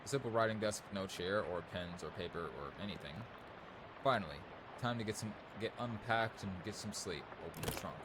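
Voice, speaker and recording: A man's voice: fairly low pitch, fairly quick. A young man playing a game, reading its text aloud with casual commentary, swearing and surprised asides. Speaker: let's play gamer. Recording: noticeable background noise.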